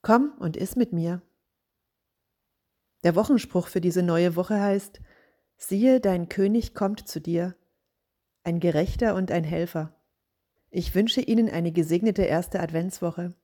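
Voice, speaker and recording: A middle-aged woman, a church dean, giving a radio devotional and reading a story gently while voicing its characters. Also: on the low side, unhurried.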